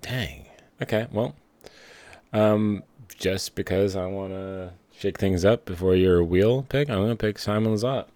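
Deep-voiced teasing male podcast host. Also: a little slow, mellow, dry recording. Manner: dry, teasing. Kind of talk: casual chat during a fantasy draft.

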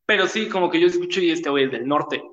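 A man's voice: on the high side, fast talker, a bit bright, dull audio. A young man with a Mexico City accent hosting a casual podcast, slangy and laughing often. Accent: Mexico City Spanish. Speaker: podcast host.

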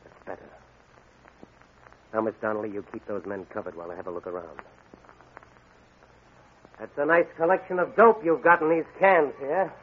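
Brief: an actor as a commanding, taunting masked crime-fighter, 1940s radio, tinny and hissy. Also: male voice, medium pitch, moderate pace, pauses often, close to an everyday voice. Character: bold masked male crime-fighting hero. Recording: scratchy old radio recording.

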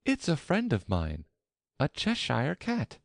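A man's voice: fairly high pitch, huge pitch swings, slow, gravelly, dry recording, clean studio sound, voice pushed up, full character voice. A man voicing a curious, fretful young girl in a storybook reading, with a prim, complaining tone. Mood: polite.

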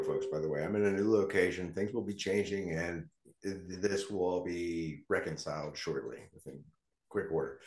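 A man hosting a casual interview, his voice ringing with a heavy canyon-like echo from a new, echoey location, often checking in with "right?" and "correct?". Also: sits low. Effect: heavy echo, like talking in a canyon. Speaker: podcast host.

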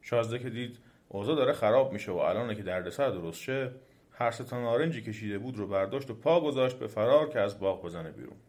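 A man narrating a folk tale for a storytelling podcast, measured and expressive. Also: on the low side.

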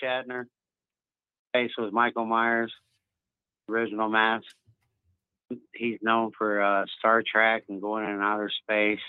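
A man's voice: on the low side, little pitch movement, slow, pauses often, smooth, no room sound. Rambling male caller on a phone line. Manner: rambling, conspiracy theories. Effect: heard over a phone line. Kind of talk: casual call-in chat.

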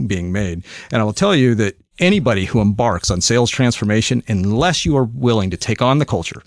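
A man talking as a podcast guest, measured and thoughtful, often repeating words as he works out a point. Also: fairly low pitch, creaky, no echo, studio quality. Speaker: podcast guest, sales executive. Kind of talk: podcast interview.

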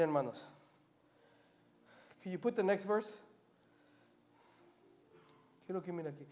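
A male pastor preaching a sermon in church, moving from quiet asides to loud, animated emphasis. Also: high voice. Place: church service with slides.

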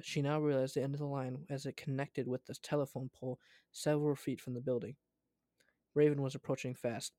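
A man's voice: medium pitch, warm tone, no room sound. A man reading a story aloud, often stumbling and correcting himself as he goes.

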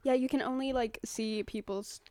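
A woman's voice: a little high, fairly even intonation, normal speed, darkish tone, clear, resonant tone, no echo. A woman from Finland chatting casually as a podcast co-host, swearing often and breaking into giggles. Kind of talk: casual chat.

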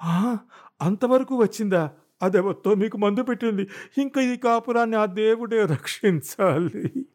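A man voicing an angry, jealous young wife who wails and hurls shrill accusations in an audiobook. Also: expressive, fairly quick, warm tone. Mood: shouting, wailing. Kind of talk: audiobook character voice.

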